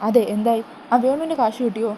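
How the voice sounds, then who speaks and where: A woman's voice: a little high, fast talker, mellow, slight background noise, close to an everyday voice, rough recording. A woman voicing a pushy middle-aged mother who insists and scolds. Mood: insistent.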